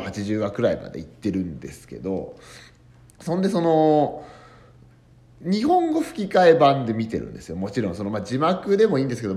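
A man's voice: mid-range voice, a little mellow. A man hosting a casual solo podcast, telling a rambling story with many fillers. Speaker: podcast host, comedian and tanka poet.

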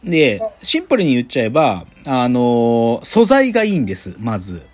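A man's voice: medium pitch, huge pitch swings, moderate pace, a little mellow. A man hosting a radio show in casual chat, rambling and colloquial with plenty of fillers. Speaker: radio host.

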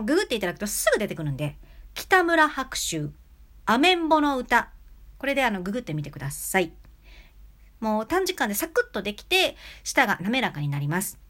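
Chatty woman on her podcast, kinda high voice that bounces all over, talking close into the mic giving tips. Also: fast. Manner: lively, demonstrative, plays with speed, pitch and loudness. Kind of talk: casual solo talk lesson. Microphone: close mic about ten centimeters away, angled.

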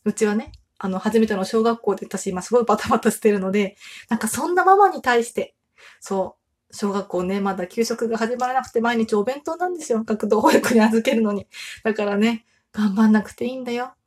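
A woman's voice: a little high, a little fast, darkish tone. A woman in her thirties, a mother hosting her own podcast, chatting casually and animatedly with frequent laughs. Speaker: podcast host. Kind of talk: casual solo chat.

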